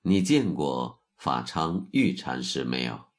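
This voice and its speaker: A calm, wise old Zen master questions his visitor in a storybook telling, as a man reads him. His voice is very deep and husky, and he speaks slowly. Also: exaggerated voice.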